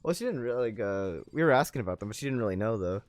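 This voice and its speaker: A man's voice: lowish voice, animated, very fast. A man casually bantering with a friend while watching a video game, joking, laughing often and rambling off on asides. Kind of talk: casual let's-play banter.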